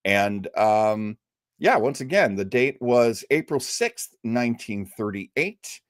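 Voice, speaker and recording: A man hosts a casual live stream in a mid-range, animated voice, speaking slowly and acting out snippets of conversation. He comes across as enthusiastic and rambling. The recording is clean studio sound with no room echo.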